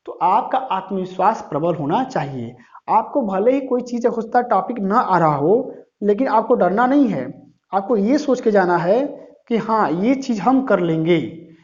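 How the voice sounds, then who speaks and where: A man's voice: sits high, darkish tone. A man teaching a class-style lecture, asking questions and answering them himself, often checking in with "okay". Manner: asks and answers his own questions; says "thik hai" often. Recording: dull lo-fi sound.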